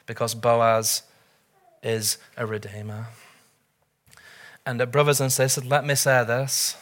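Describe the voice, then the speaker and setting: A man's voice: mid-range voice, little pitch movement, measured pace, a bit bright. A middle-aged man preaching a sermon as pastor, earnest and urgent, full of rhetorical questions.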